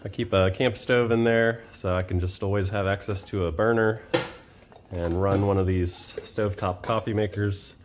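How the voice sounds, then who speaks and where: A man in his thirties casually walking through his camping kitchen gear at home, chatty and relaxed with frequent fillers. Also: lowish voice, normal speed, noisy background. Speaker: vlogger showing camping gear. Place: cluttered home storage room and kitchen, indoors.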